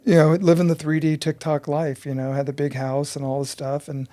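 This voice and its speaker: A man's voice: a little high, little pitch movement, a little fast, dark tone. A man in his fifties, a breathwork teacher telling his story with earnest intensity in an interview.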